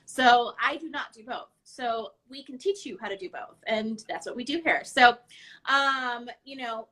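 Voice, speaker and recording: Bright, high-voiced woman hosting casually. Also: measured pace, low-quality recording. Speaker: podcast host and designer. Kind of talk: casual unscripted live-stream chat.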